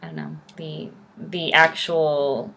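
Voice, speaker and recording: A woman's voice: sits low, sing-song, takes it slowly, bright, forceful tone, a little hiss or hum, rough recording. A young woman, chatting casually as a vlogger in a gushing, emphatic way. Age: young adult. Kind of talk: casual chat to camera with a co-host.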